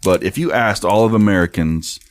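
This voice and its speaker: Swearing freely and laughing as he reads posts aloud, a young co-host keeps his sports podcast casual and blunt. His deep, low voice moves fairly quickly. The recording is dry and close-miked.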